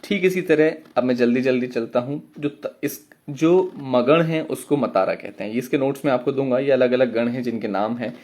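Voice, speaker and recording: A man teaching a poetry workshop, chanting syllables and beat counts in a drawn-out way. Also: medium pitch, a little mellow. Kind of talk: online lesson.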